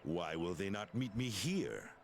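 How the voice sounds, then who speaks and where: An actor playing a terse bounty hunter hero in a video game, with stilted, wooden bad acting. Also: male voice, low voice, expressive, a little slow, vocal fry, slight background noise, full character voice. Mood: terse, demanding.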